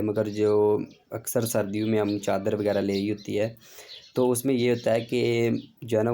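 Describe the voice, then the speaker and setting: A man's voice: lowish voice, dark tone, slight background noise. A man teaching a religious lesson in an informal, repetitive way, full of fillers. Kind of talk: explanatory lesson.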